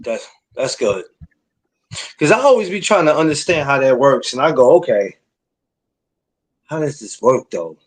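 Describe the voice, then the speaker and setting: Blunt streetwise podcast host. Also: male voice, mid-range voice, big pitch swings, normal speed, pauses often, husky. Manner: blunt, preachy, streetwise slang. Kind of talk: casual podcast chat.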